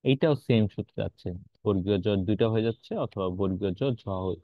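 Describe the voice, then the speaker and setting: A fast-talking man with a somewhat low voice teaches grammar online in a dry recording. Quizzing students as he goes, he explains with patience and blends English words into his lesson, which comes through as dull lo-fi audio.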